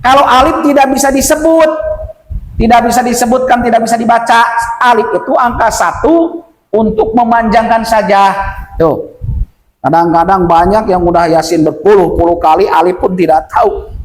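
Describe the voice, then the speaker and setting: A man from West Kalimantan teaching Quran recitation rules to village men, explaining patiently and chanting verses slowly to demonstrate. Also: high voice. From West Kalimantan, Indonesia. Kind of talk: tajwid lesson for village men. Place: village prayer gathering room. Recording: echoey room.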